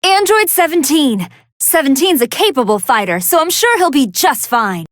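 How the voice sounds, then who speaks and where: High-pitched Android 21, earnest scientist commentator. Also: female voice, very animated, moderate pace, no room sound, studio quality. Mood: curious, analytical. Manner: articulate, earnest, formal scholarly phrasing. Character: brainy young female android scientist, polite, excitable, fighting hidden hunger. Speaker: fight commentator. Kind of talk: anime video game commentary.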